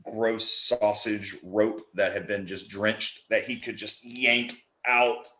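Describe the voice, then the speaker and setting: A horror theatre director on a podcast speaks slowly in a fairly low voice, his tone steady, bright and forceful. The casual conversation rambles along enthusiastically, with small quotes acted out, and the sound echoes around the room.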